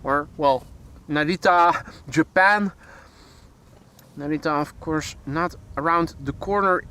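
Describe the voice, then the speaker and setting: A man with a fairly high, sharp, clear, resonant voice speaks slowly, with a Dutch accent. He's hosting a live plane spotting stream outdoors beside a field near a runway, chatting, correcting himself as he goes, and cracking dry little jokes. Faint outdoor ambience and vehicles sit in the background.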